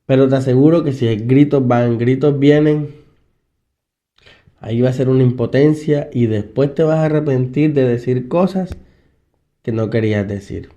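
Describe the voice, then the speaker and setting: A man speaks in a relaxed, mellow voice, giving a casual talk as a psychologist. He chats with his listeners, puts questions to them and chuckles as he goes. The sound is dull and lo-fi. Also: mid-range voice, normal speed. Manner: conversational, asks the audience questions, chuckles often. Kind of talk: casual motivational talk to an audience.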